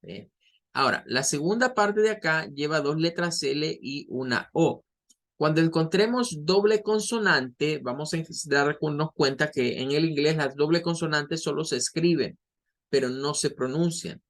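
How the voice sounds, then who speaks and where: A man's voice: fairly high pitch, a bit bright. A male English teacher walks through pronunciation step by step. He explains patiently and says each model sound several times, raising his voice when he demonstrates it. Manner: explains slowly, repeats model sounds aloud. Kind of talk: online pronunciation lesson.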